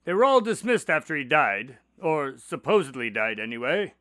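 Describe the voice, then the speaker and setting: A man plays a detective's doctor companion in a radio drama. He recounts cases conversationally, with varied intonation and a slightly high pitch. The recording is dry. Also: big pitch swings, moderate pace, bright, forceful tone, dry recording.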